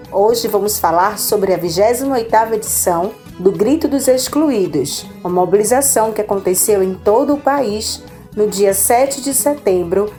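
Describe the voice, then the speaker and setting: A woman with a Pernambuco Brazilian accent, hosting a podcast in steady, scripted narration. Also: mid-range voice. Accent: Pernambuco Brazilian Portuguese. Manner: steady, read-aloud delivery. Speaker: podcast host.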